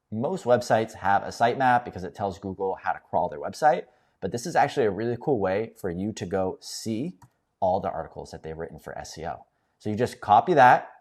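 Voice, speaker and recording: A young man hosting a casual screen-share tutorial, explaining each step in an upbeat, relaxed way. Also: fairly low pitch. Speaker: host.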